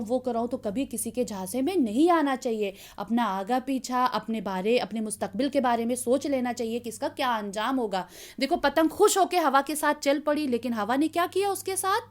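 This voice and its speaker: A woman teacher giving an online class to children, fondly asking questions and answering them herself. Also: a little high. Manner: calls the children "beta" fondly.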